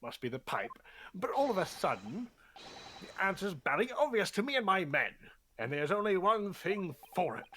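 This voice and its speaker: A man's voice: high-pitched, very animated, normal speed, pushed and bright, slight background noise, exaggerated voice. A man playing a bumbling, polite jury foreman in a video game read-aloud, with a rambling, mannered delivery. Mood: befuddled, earnest.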